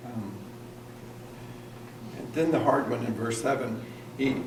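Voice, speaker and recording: A man's voice: mid-range voice, takes it slowly. A male pastor preaching with earnest energy and a middle-range voice. He is picked up from some distance in an echoey church hall. A faint hiss sits under him. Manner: earnest, calls the congregation to repeat lines. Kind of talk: sermon. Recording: echoey room, mic at a distance, faint noise.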